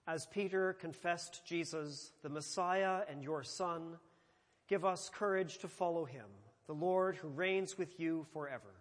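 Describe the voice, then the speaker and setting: A man presiding at a church liturgy, reciting prayers in a slow, measured way, with a long cathedral echo around his voice. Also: a little high. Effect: cathedral echo, long church reverb. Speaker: presiding minister. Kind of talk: leading a eucharistic liturgy. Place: large church sanctuary. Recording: long reverb of a large church.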